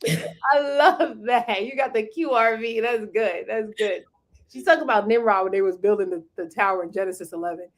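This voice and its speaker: A woman co-hosting a casual chat who talks quickly and enthusiastically and laughs easily. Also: medium pitch.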